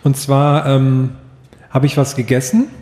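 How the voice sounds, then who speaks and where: A man's voice: medium pitch, little pitch movement, a little slow, warm tone, roomy sound, big-room sound. A man in a casual chat, telling rambling stories and laughing often. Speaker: podcast co-host.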